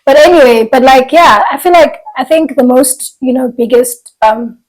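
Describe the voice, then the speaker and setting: A woman's voice: sits high, normal speed, rough recording. A woman from Africa, co-hosting a casual podcast chat and thinking aloud with frequent restarts. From southern Africa, living in South Africa. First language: a southern African language. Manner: thoughtful, trails off and restarts mid-thought. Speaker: podcast co-host.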